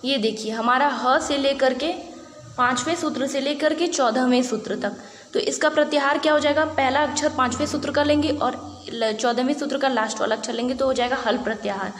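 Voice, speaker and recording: A woman's voice: sits high, a little fast. A woman teaching a Sanskrit grammar lesson, patient and methodical, often asking rhetorical questions and checking in with her listeners. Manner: patient, repeats "ठीक है" and asks rhetorical questions. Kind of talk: online lecture explaining grammar. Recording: echoey room with faint background hiss.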